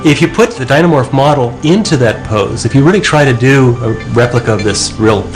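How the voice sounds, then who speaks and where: Man, researcher, unscripted documentary interview, explanatory, average pitch, clear background music. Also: animated, a little fast.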